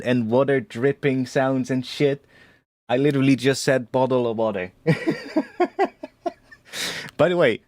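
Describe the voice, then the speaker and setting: A man's voice: mid-range voice, no echo, clean studio sound. A young man chatting casually on a livestream, rambling with frequent swearing and laughs as he gives feedback on music tracks. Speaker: music producer streamer giving feedback.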